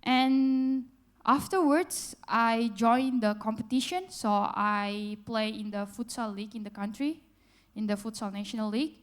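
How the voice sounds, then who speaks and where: On stage in a large festival hall, a young Indonesian woman on a youth panel tells the audience a personal story in English. She uses simple, earnest phrasing, and her fairly high voice is unhurried with fairly even intonation.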